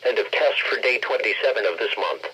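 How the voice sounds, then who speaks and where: A synthetic-sounding man's weather radio voice reading a scripted bulletin in a formal, measured, slightly rough announcer delivery over a radio broadcast. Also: lowish voice, very noisy.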